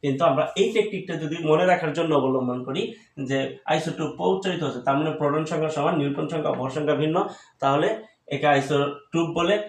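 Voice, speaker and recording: Bangladeshi teacher guy, bit high voice, goes over the same definitions again and again. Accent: Bangladeshi Bengali. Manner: slow, repetitive, drilling definitions. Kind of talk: chemistry lesson at a board. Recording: echoey room.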